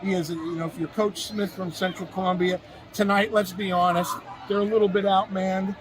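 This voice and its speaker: A man hosting a high school football preview, breaking down the game and interviewing a coach in a conversational, analytical way. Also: little pitch movement, moderate pace, a faint crowd, low-quality recording. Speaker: sports show host.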